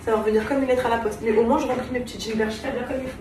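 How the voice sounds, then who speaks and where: A woman chats to her viewers like friends, her voice a bit high and set back from the mic. The room is echoey and noisy around her. It's an easygoing home vlog from the kitchen. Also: fairly even intonation, rapid-fire, far from the mic. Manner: chatty, addresses viewers as girls. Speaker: vlogger and mother. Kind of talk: casual vlog chat.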